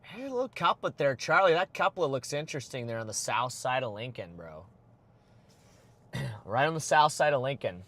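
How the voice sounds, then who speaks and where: A man's voice: mid-range voice, sing-song, moderate pace, fairly bright tone. A man livestreaming storm chasing from a moving car, thinking aloud in casual, rambling commentary full of fillers. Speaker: storm chaser streaming live.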